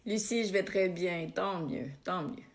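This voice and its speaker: Slow-talking Québécois woman hosting a live stream. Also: fairly low pitch. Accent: Québécois French. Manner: unhurried, warm-hearted greetings with frequent euh fillers. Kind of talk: casual live-stream chat greeting viewers. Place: at home.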